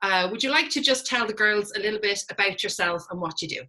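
A woman acts as host of an informal interview. Her voice is bright and crisp-edged at an average pitch. She introduces and questions her guest. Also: fast.

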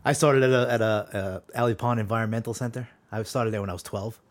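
A man's voice: on the low side, fairly even intonation, fast. A man, chatting casually as a podcast host. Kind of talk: casual chat.

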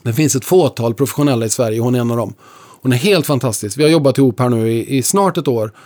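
A man working as a lecturer and musician, telling stories in a relaxed conversation with lively delivery. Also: mid-range voice. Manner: lively, animated storyteller. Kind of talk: conversational storytelling.

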